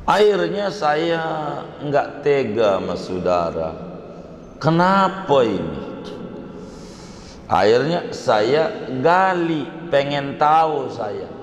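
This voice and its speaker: A man voicing a grieving mourner who retells in a high, sing-song wail how he watched his dead brother suffer in the grave. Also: sing-song, slow pace, pauses often, slight background noise. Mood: distraught. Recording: echoey hall with faint ambience.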